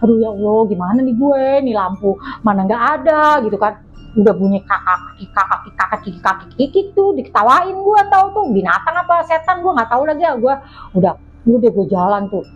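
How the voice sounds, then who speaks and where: High-voiced woman. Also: fast talker, lo-fi sound, faint music behind. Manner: animated, slangy, dramatic retelling. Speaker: guest telling a mystical experience. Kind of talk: casual storytelling chat.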